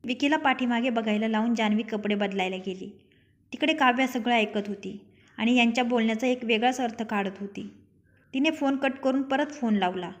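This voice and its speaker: A woman's voice: a little high, fairly quick. A young woman narrating her own written love story, reading every character's lines herself.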